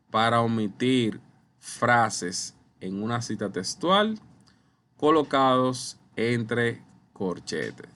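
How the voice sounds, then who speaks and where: A man teaching a recorded online lesson over slides, explaining slowly and deliberately, speaking straight to his viewers. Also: medium pitch, a bit bright. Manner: slow, deliberate explaining, addresses viewers as ustedes. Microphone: computer mic while writing with a mouse.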